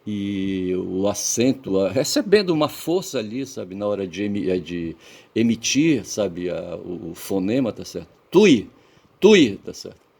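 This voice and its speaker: A Brazilian man vlogging in a digressive, lecturing monologue, peppered with "tá certo?" and "sabe?" and trailing off quietly at the ends of phrases. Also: fairly low pitch, animated, normal speed, gravelly. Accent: Brazilian Portuguese. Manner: casual swearing, lecturing tone. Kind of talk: rambling casual monologue.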